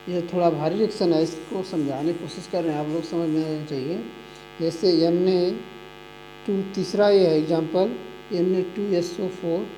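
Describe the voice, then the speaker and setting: A chemistry teacher explains a lesson slowly and repetitively, spelling out formulas letter by letter. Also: mid-range voice, mellow, slight background noise, poor audio. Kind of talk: classroom-style lesson explanation.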